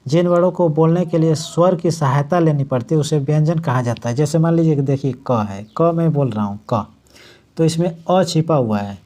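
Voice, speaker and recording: A man teaching a Hindi grammar lesson, his voice fairly high for a man but warm and mellow. He explains each point step by step, restates it in simpler words, and draws out the example words slowly. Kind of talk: exam-prep grammar lesson.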